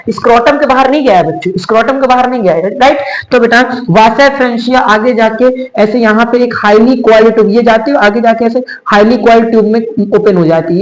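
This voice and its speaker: A young man with a high voice teaches biology in an echoey room. He talks to his students in a coaxing way, repeats each term several times, and answers his own questions. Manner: repetitive, coaxing, asks questions and answers them himself. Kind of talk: explanatory lesson for exam students.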